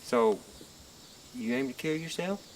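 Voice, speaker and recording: An older man, playing a grandfather who pleads gently and slowly with his grandson. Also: on the high side, lively intonation, rough recording. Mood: tender. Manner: gentle, pleading, slow and heartfelt. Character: grieving rural grandfather comforting his grandson. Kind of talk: film drama acting. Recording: crickets and night noise outdoors.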